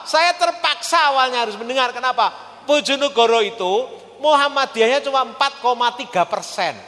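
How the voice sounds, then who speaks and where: High, bright middle-aged male speaker, lively religious talk. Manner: animated, asks the audience questions. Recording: long hall reverb.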